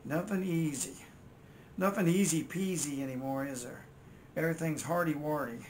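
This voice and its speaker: Seated at an indoor repair bench, an older American electronics hobbyist and video host mutters casual narration about his repairs. His voice is on the high side and moves at a normal speed, and his way of thinking aloud is folksy. The home-made setup picks up steady noise.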